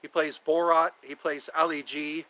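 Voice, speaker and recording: An American livestream host in his fifties chats loosely with viewers, rambling and meandering from topic to topic. His level-toned voice sits a little high with a bright, forceful edge, and he often slips into quick put-on, quoted voices between asides.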